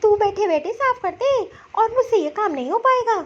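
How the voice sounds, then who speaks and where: A woman's voice: extremely high pitch, animated, moderate pace. A woman voicing a lazy, dismissive older mother-in-law in a cartoon story, scolding and brushing off requests. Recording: slightly dull lo-fi recording.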